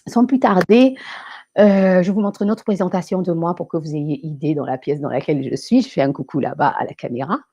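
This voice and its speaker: A woman's voice: low voice, quick pace, hardly any pauses, dark tone, breathy edge, no echo. A young woman from Africa hosting a live show, speaking in an emphatic, repetitive motivational way and slipping in English phrases. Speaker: live show host and coach. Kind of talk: live stream monologue. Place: France.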